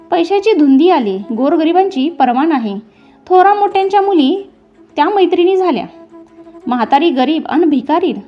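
A woman's voice: sits high, muffled recording. A woman voicing an angry old beggar woman who scolds bitterly in a storybook telling.

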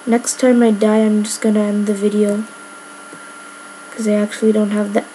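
A woman's voice: medium pitch, little pitch movement, moderate pace, dark tone, a little hiss or hum, poor audio. A woman giving casual gameplay commentary, rambling with lots of filler words. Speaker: gamer.

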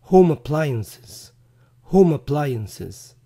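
Slow, mellow-voiced male English teacher. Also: fairly high pitch, very animated, husky. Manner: repeats each English word slowly and carefully. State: voice not fully recovered. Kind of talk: vocabulary quiz lesson.

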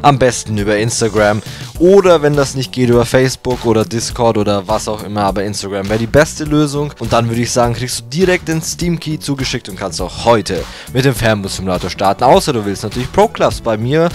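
A man's voice: medium pitch, expressive, a little fast. A young man enthusiastically hosting a casual giveaway announcement to camera, using informal youth slang into a handheld mic. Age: young adult. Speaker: YouTube host. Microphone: handheld microphone held close to the mouth. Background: background music.

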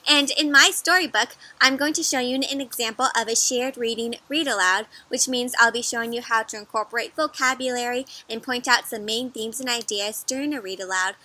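Outdoors in a garden or patio, a young adult woman with a high, bright voice hosts a read-aloud for kids. She reads expressively, pitching everything toward small children and drawing them in with questions.

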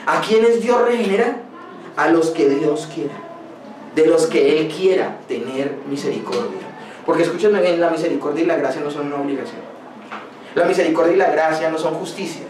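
A man preaching a sermon in a high, ringing voice, pressing his points with rhetorical questions and stories from his own ministry. He sounds set back from the mic in an echoey church hall. A faint hiss of noise sits under his voice. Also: darkish tone, far from the mic. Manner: emphatic preaching with rhetorical questions and personal anecdotes. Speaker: pastor.

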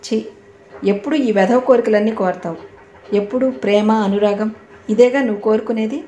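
A woman's voice: fairly high pitch, moderate pace, warm tone, lightly acted. A woman voicing a young man, an affectionate and playful husband, in a storybook reading. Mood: tender. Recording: echoey room, faint background noise.

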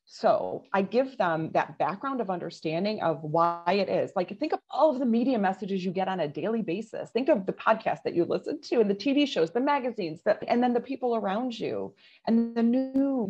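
A woman's voice: mid-range voice, expressive, darkish tone, husky, lo-fi sound. A woman in her forties, a leadership coach, speaking earnestly and emphatically as a guest in a podcast interview. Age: 40s. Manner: earnest, emphatic, quick bursts.

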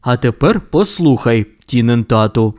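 A man's voice: mid-range voice, animated, measured pace, a little mellow, voice pushed down, close to an everyday voice. A man voicing a stern male kindergarten teacher who scolds firmly. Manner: strict, scolding.

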